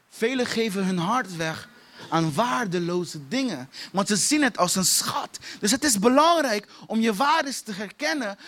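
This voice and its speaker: High-voiced man preaching with emphatic repetition. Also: bright, forceful tone. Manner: emphatic, repeats key phrases, laughs at himself. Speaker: pastor. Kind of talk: sermon.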